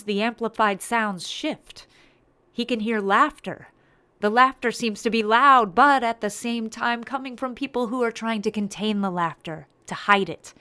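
Woman, screenplay narrator, unhurried slow delivery, middle pitch. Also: pushed and bright. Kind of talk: reading screenplay stage directions.

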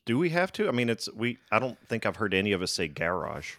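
An American man co-hosting a casual podcast, talking in an animated, emphatic way. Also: fairly low pitch, fast, dry recording, clean studio sound. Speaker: podcast co-host. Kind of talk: casual chat.

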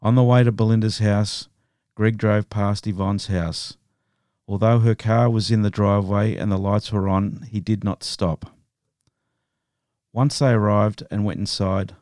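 A man hosting a podcast, narrating a true crime story in a steady, measured way. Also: on the low side, dry recording, studio quality. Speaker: podcast host.

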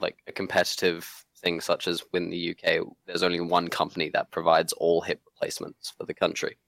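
A man who grew up in Hong Kong, speaking with a British-influenced Australian accent, calling in with a halting question. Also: deep voice, vocal fry, a bit bright, no room sound. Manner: hesitant, halting with fillers and laughs. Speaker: caller. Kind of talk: phone-in question.

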